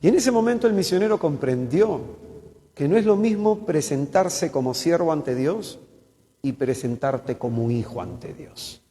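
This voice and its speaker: A man's voice: a little high, animated, a little slow, dark tone, big-room sound. A man who is a missionary, teaching a Bible course and often asking his listeners questions. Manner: asks the listeners many questions. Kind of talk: spoken Bible lesson.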